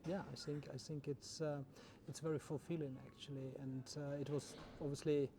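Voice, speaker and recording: Background noise fills this clip of a Czech-raised man, general manager of an orchestra, responding to interview questions in a hesitant, word-repeating way. His pitch is fairly high and barely moves.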